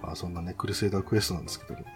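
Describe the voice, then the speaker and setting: A man's voice: sits low, fairly even intonation, racing, breathy edge, faint music behind. A man chatting casually and politely about games as a host, in a chatty way. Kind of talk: casual game talk with a co-host.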